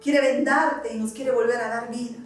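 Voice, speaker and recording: High-voiced woman pastor preaching. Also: fairly even intonation, moderate pace. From Peru. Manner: emotional testimony, addressing the congregation. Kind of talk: sermon. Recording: echoey church hall, distant mic, faint music.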